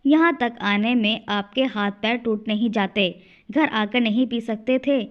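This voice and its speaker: A woman's voice: fairly high pitch, a little slow, dull audio, close to an everyday voice. A woman doing a harsh scolding daughter-in-law. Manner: scolding, contemptuous.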